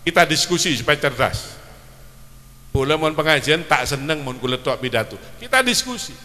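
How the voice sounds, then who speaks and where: A man's voice: a little high, expressive, moderate pace, sharp tone, long reverb tail. A middle-aged man with a Madurese accent, preaching a sermon at a religious celebration and pressing the crowd with questions. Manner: quizzes the crowd, urging them to answer. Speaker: Islamic preacher (kyai).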